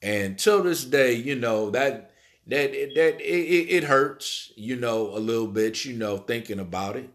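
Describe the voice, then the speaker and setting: Slow, halting middle-aged man. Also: mid-range voice. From Illinois, USA. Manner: halting, repeats words, many fillers. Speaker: interviewee. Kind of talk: personal storytelling.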